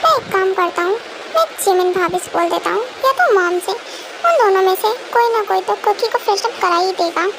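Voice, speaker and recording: A short-tempered young mafia king barks orders and scolds, as a woman acts him out. The voice sits high with a gravelly edge. The homemade audio drama is noisy, with faint traffic behind. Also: animated, moderate pace. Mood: teasing. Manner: scolding, impatient commands.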